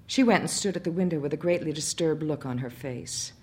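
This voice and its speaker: A woman narrating a literary short story aloud in a measured, expressive reading. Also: sits low.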